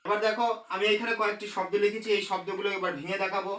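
A male teacher with a high, bright voice explains a lesson step by step. He goes slowly and repeats his key terms again and again. The room around him rings with echo. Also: fairly even intonation. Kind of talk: recorded classroom lesson.

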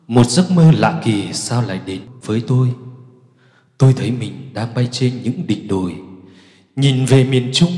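A man's voice: medium pitch, mellow. A man from central Vietnam, a spiritual teacher, reciting a verse narration in a lamenting, declamatory way that rises to cries. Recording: echoey long hall reverb.

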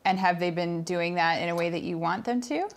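A woman's voice: on the low side, fairly quick. A young woman hosting an interview show, asking questions in a conversational style. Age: young adult. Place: indoor living-room style studio set.

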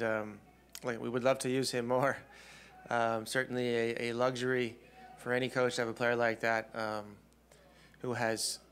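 A man in his forties, head coach at a postgame press conference, answering at a desk mic in a press room with measured, thoughtful replies and frequent ums. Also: mid-range voice, a bit bright. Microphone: desk mic on stand.

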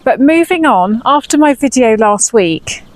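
A woman's voice: a little high, expressive, unhurried, dry recording, low-quality recording. A woman in her fifties with an English accent, chatting casually to camera on a lapel mic while pruning in her garden, a little anxious. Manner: chatty, slightly anxious, talks while working. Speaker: vlogger. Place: outdoor cottage garden.

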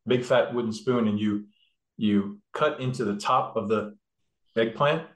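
Speaking unhurriedly in a fairly low pitch, a man demonstrates a dish in an echoey kitchen. He explains every step in a relaxed way, with plenty of fillers and false starts along the way.

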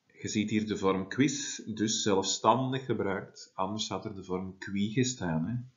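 A man's voice: lowish voice, a little slow, lo-fi sound. A man, teaching a Latin translation lesson and explaining step by step with frequent tag questions. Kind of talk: classroom lesson.

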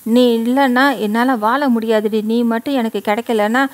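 A woman's voice: on the high side, fairly even intonation, moderate pace, natural voice. Woman reading a loving, scolding young husband. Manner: coaxing, teasing endearments.

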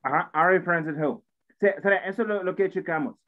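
A Russian-speaking language teacher with a high-pitched voice talks fairly quickly while running an online English class in Spanish. He explains things with lots of tag questions and restarts, and the call audio is tinny and phone-like.

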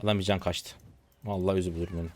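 Hoarse guy in his 20s streaming a game, low voice, chatty and slangy. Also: flat delivery. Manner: rapid slangy chatter to viewers. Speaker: gaming streamer. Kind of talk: live gameplay commentary.

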